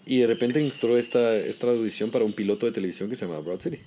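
A man with a Guatemalan accent chats in an easygoing interview, telling stories from his acting career. He speaks at a brisk clip, packs in local slang and acts out the people he quotes. There is a faint noise in the background. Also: medium pitch. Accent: Guatemalan Spanish. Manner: animated storytelling, heavy slang, acts out quotes. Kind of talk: casual interview chat.

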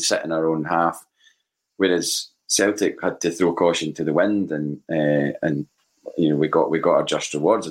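A Scottish man in his forties talking casually about football in a halting, repetitive way as a podcast panellist. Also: a bass voice. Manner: halting, repeats words.

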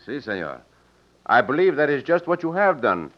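High-pitched, animated Mexican cowboy hero, Cisco. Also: male voice, moderate pace. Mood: accusing, assured. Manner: formal, courtly, theatrical. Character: gallant Mexican cowboy adventurer, courteous and sure. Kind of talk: old-time radio western acting. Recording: dull, noisy old radio recording.

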